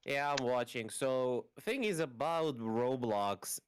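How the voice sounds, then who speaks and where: A man's voice: mid-range voice, slow, a little hiss or hum. A man from Russia calling in to a casual chat. He speaks bluntly and informally in a mid-range voice, happy to correct the host and let a curse slip. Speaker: caller.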